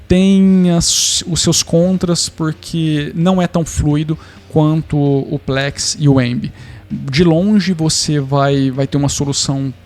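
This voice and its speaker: A man's voice: fairly high pitch, a little mellow. A man with a Brazilian Portuguese accent explaining home media setups in a casual, conversational way, restarting phrases and checking in with the listener. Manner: conversational, thinks aloud with restarts and tag questions. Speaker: tech channel host. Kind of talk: casual explanatory tech talk.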